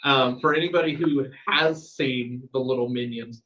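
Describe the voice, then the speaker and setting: A man's voice: medium pitch, steady tone, moderate pace, pushed and bright, highs cut off, slight background noise. A man narrating as game master of a tabletop game, rambling with fillers and chuckles.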